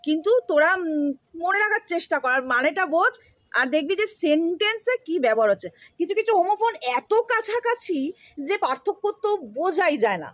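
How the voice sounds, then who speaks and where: A woman's voice: very high-pitched, no echo. A woman giving a casual spoken English lesson, talking straight to her learners and often checking that they follow. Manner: familiar, addresses learners directly with frequent checks.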